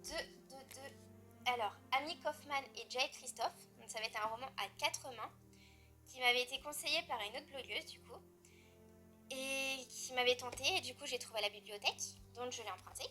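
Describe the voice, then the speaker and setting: A chatty French woman with a slightly high voice talks about her books. She rambles, fills pauses and corrects herself mid-sentence. Music plays clearly behind her. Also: sharp tone. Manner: chatty, rambling, with frequent fillers and self-corrections. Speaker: book vlogger. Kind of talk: casual chat.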